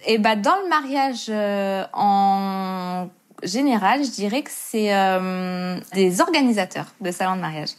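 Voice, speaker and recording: A woman's voice: medium pitch, expressive, unhurried. A woman in her thirties, a tattoo artist chatting casually as a podcast guest, easygoing and hesitant and laughing often. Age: 30s. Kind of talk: casual interview chat.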